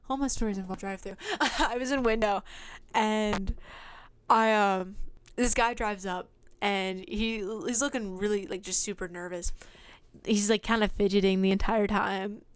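A woman's voice: medium pitch, fairly even intonation, unhurried, slight background noise. A young woman hosting a podcast, telling her own work stories in a casual, chatty monologue full of fillers and little laughs. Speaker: podcast host.

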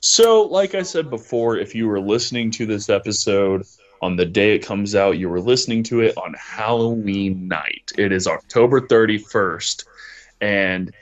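A man's voice: on the low side, normal speed. A man hosting a podcast, telling a story in casual chat, swearing often and laughing as he goes. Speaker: podcast host. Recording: dull lo-fi recording.

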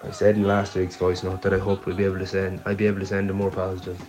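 Low-voiced man with a west of Ireland accent. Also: monotone, fast, a little mellow, slight background noise. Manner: downbeat, exasperated, blunt and sweary. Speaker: football supporter sending a voice note. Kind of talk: casual voice note, sweary fan rant.

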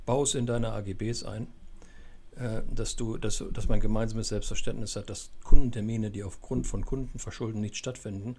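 A man giving calm, explanatory advice in a casual chat, often ending points with tag questions. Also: lowish voice, moderate pace, husky.

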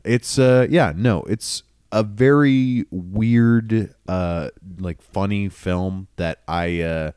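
A young man with a very low, smooth and resonant voice, co-hosting a casual podcast. He talks eagerly but haltingly, with lots of fillers, recorded close and dry. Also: darkish tone, no room sound. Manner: enthusiastic, halting, many fillers. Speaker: podcast co-host. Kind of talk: casual film podcast chat.

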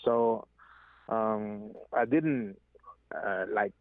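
This guest singer, a native French speaker, is interviewed by telephone on a tinny line, drawing out his words in a fairly low voice without echo. He sounds hesitant, searching for English words and restarting many times.

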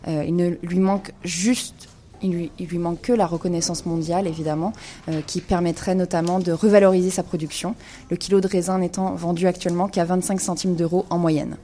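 A woman's voice: lowish voice, level tone, a little fast, warm tone. A woman giving a radio wine segment, explaining in an informative way with frequent hesitations. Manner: informative, many hesitations with euh. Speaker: wine columnist.

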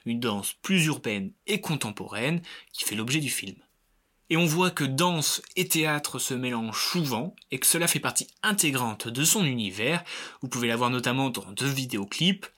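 A man's voice: mid-range voice, pushed and bright. A man hosting a film segment, reading a scripted review with wry joking asides. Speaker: film critic host.

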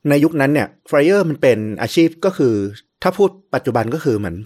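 A man co-hosting a podcast, telling a historical story in a relaxed, chatty way with many fillers. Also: mid-range voice, quick pace, no echo, clean studio sound.

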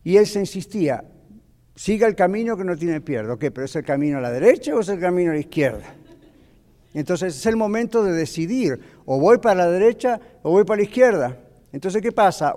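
A man teaching a Bible class in a conversational way, telling stories and asking his listeners questions. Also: sits high. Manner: animated storyteller, asks the audience questions. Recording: long reverb of a hall.

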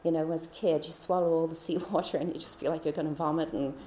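A woman tells a personal faith testimony in a chatty, easy way, laughing often and dropping to soft whispers. Her voice sits a little low and sounds warm and mellow. The room around her is echoey. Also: steady tone, fast talker, slight background noise. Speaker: speaker.

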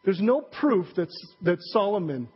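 Male pastor, conversational sermon with jokes and asides; husky tone, lo-fi recording. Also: sits high, very animated, a little slow. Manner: conversational, joking, many fillers and asides. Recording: dull recording with long hall reverb.

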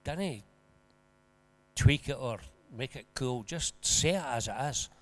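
A man with a broad Scottish accent preaching informally, telling stories in an earnest, colloquial and animated way. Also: medium pitch, takes it slowly. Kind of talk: informal conversational sermon with storytelling.

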